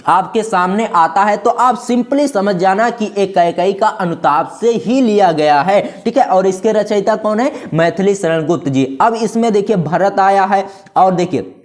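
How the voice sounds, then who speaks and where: A man teaching a Hindi exam-prep lesson, explaining step by step and often checking that students follow. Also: sits high. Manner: explains step by step, keeps checking "ठीक है", calls students "दोस्तों" and "बाबू".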